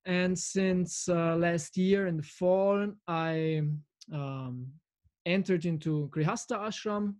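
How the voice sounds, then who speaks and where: A man from Austria, giving an earnest, halting talk over a video call from his home camera. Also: sits high, darkish tone. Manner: earnest, halting with fillers and restarts. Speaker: devotee lecturer.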